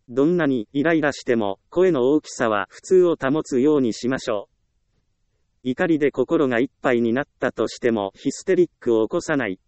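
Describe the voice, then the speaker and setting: A man giving calm, scripted self-help narration in a steady, gentle and reassuring way. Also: medium pitch, no echo.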